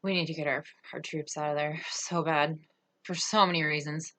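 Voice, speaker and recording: Woman host, indignant political commentary, fairly low but bright and forceful tone. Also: fairly even intonation, moderate pace. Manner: indignant, reads quotes aloud, frequent fillers.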